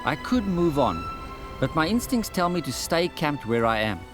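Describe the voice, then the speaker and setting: A man's voice: a little high, sing-song, a bit bright. Man narrating a documentary over music. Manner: measured, reflective first-person narration. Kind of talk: scripted narration.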